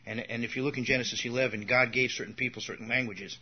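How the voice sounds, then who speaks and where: A man with a husky voice teaches an informal Bible lesson, often stopping to restart his sentences. His pitch sits in the middle range. The recording sounds dull and lo-fi. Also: fairly even intonation, quick pace. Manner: rambling, with frequent restarts and asides. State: coughing now and then.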